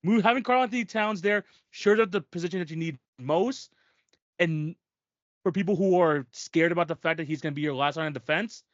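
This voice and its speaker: A man's voice: fairly high pitch, fairly quick, no room sound, highs cut off. A man co-hosting a sports podcast, talking in casual chat with emphatic, restarting sentences. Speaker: podcast co-host.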